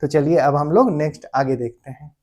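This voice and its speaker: In a classroom-style grammar lesson, a man with a fairly high, darkish voice explains things patiently. He often slows down to dictate words one by one and checks in with his listeners along the way.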